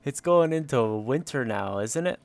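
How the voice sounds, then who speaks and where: A man hosts a scale-modelling livestream, chatting casually while he works, chuckling often and reading out and answering viewer comments. His medium-pitched voice is expressive, with vocal fry and a moderate pace.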